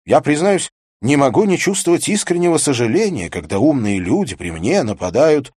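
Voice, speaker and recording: A man voicing Rudin, an eloquent and confident young debater who speaks in a calm, forceful, lecturing way in an audiobook. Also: medium pitch, moderate pace, husky, dry recording, clean studio sound, pitched above the performer's own voice. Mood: confident arguing. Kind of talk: audiobook character reading.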